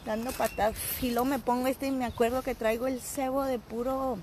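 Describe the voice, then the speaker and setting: Streaming live from a phone held at arm's length, a Mexican-accented woman in her forties chats and jokes with her viewers as she walks along a windy shore. She sounds a little high and level, speaks fairly quickly, and there's noise behind her.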